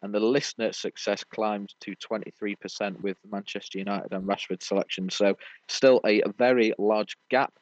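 A man's voice: fairly low pitch, steady tone, moderate pace, dry recording. A British man hosting a sports podcast, chatting casually and explaining things in a matey, rambling way. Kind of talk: casual sports review chat. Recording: dull lo-fi audio.

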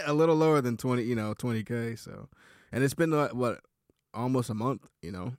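A man guest on a podcast, soft-spoken and hesitant, talking casually with many fillers. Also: medium pitch, fairly quick, no room sound, clean studio sound. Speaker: guest musician.

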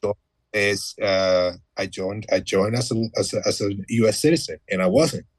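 A man in his mid-thirties, a guest telling his story in a relaxed, matter-of-fact way in a casual conversation. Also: lowish voice, moderate pace, no echo. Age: 30s. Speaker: guest, former Marine.

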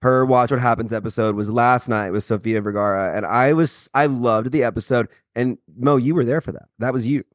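A man's voice: mid-range voice, fairly quick, few pauses, dry recording, clean studio sound. A man co-hosting a podcast in casual chat, slangy and enthusiastic. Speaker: podcast co-host.

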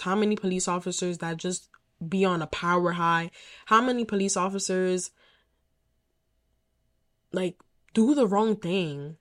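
A young woman candidly telling a personal story as a podcast host, emphatic and swearing often. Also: fairly low pitch.

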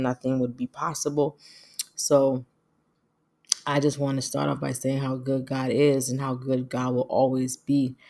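Hosting her own podcast, this middle-aged woman has a very deep, slightly mellow voice. Her delivery is casual yet earnest, reflective and devout.

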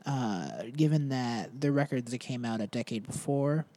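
A young man with a mellow, mid-range voice hosts a podcast, talking about bands at a normal speed with animated energy. He rambles casually, uses plenty of fillers, and laughs at himself along the way.

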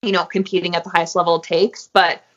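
A woman, a guest in an interview, talking casually and filling pauses with "um" and "you know.". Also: fairly low pitch, flat delivery, fairly bright tone. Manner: friendly, many fillers like um and you know. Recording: muffled, lo-fi audio.

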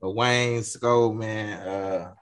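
A man's voice: fairly low pitch, fairly even intonation, extremely slow. A man hosting a podcast in casual slang, often addressing people as man or bro. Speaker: podcast host.

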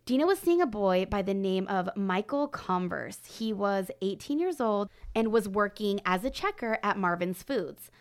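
Smooth-voiced woman, animated podcast banter. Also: medium pitch, normal speed, few pauses. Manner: animated, jokey asides, laughs. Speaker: podcast co-host. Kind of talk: casual true-crime podcast chat.

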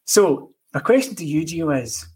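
A man hosting a casual podcast chat, playful and quick to praise his guests. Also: a little high, expressive, darkish tone, breathy edge. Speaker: podcast host.

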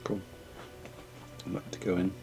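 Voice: moderate pace, mellow, faint music behind, poor audio. A player in a tabletop game making dry jokes and talking in character. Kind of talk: tabletop role-play chat.

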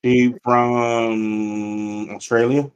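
A man in laid-back podcast banter who keeps doubting and correcting what the others say. His voice is in an ordinary middle pitch. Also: flat delivery, extremely slow, smooth, muffled recording. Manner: skeptical, pokes holes in claims. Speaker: podcast co-host. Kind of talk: casual chat.

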